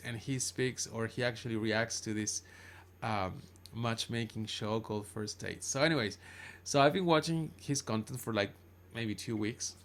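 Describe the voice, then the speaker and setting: A man's voice: medium pitch, fairly bright tone. A man from Chile with a Chilean accent, a native Spanish speaker, talking casually and unscripted as a live streamer, rambling and often backtracking to correct himself. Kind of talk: casual unscripted livestream monologue in English.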